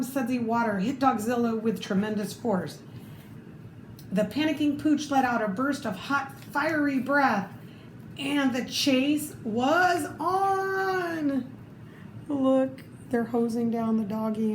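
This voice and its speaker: At a slow pace and with a fairly high voice, a woman reads a children's story aloud expressively, now and then turning to the listener with small asides. There is a roomy echo and clear background noise.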